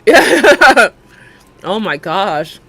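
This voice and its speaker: Bright, lively-voiced young woman streamer. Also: lowish voice, moderate pace. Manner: rambling, chatty, laughs often, many fillers. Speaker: livestreamer. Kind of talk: casual chat with live viewers.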